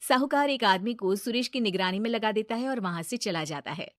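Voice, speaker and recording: A woman's voice: mid-range voice, brisk, fairly bright tone, no room sound, clean studio sound. A woman narrating a scripted moral story as a storyteller.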